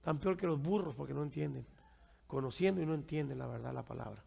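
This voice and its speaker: A male pastor preaches and answers his congregation's questions. His voice is heavily gravelly and sits high for a man. He keeps tagging his points with "right?", and the sound rings through a reverberant church hall. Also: fast talker, mellow. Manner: keeps asking "¿verdad?" and addresses listeners as brother.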